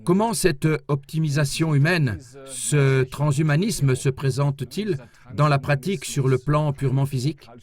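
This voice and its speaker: A man's voice: on the high side, moderate pace, a little mellow, lightly acted. A man voicing an interviewer, asking formal questions.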